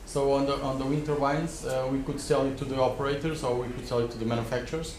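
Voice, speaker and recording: A man's voice: mid-range voice, fairly even intonation, roomy sound, background noise. A man on a panel giving spontaneous business advice, often restarting and repeating words, recorded by a distant mic in a wood-panelled conference room. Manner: halting, repeats words as he rethinks. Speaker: expert panelist advising startups.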